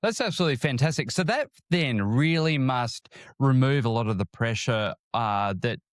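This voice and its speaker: A man's voice: medium pitch, lively intonation, normal speed, no room sound. Male interviewer, dry close sound. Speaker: interviewer, host. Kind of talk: interview questions.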